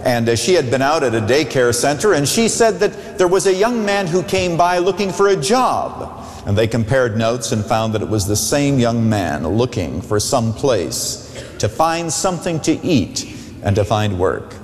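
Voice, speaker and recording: A man pastor preaching a sermon at a pulpit microphone, telling a story with an expressive, storytelling delivery. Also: medium pitch, normal speed. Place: large church sanctuary. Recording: echoey church hall with long reverb.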